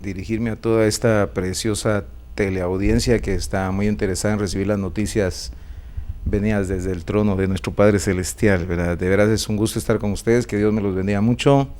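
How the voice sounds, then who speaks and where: A middle-aged man with a Guatemalan Spanish accent, a pastor telling his life story in a relaxed interview and often tagging his sentences with a questioning "right?". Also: on the low side, a little fast, clear, resonant tone. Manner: chatty, often tags lines with a questioning "right?". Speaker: pastor and prophet, interview guest.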